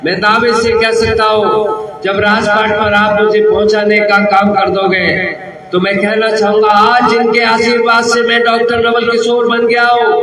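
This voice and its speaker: A man giving a booming political rally speech as a candidate, oratorical, repeating phrases and calling on listeners to answer. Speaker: election candidate. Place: public election rally before a crowd. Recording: roomy distant PA sound with loud crowd.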